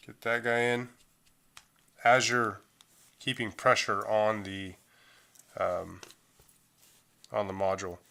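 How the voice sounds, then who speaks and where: A middle-aged man with a lowish, slow voice and vocal fry pauses often as he walks through a phone repair step by step at his workbench. His delivery is relaxed and loose, full of fillers.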